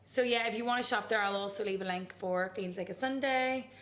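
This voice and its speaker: Young woman hosting a chatty podcast, lots of "like", mid-pitched voice. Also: a little fast, fairly bright tone. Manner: chatty, swears casually, lots of "like". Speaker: podcast host. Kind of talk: casual chat.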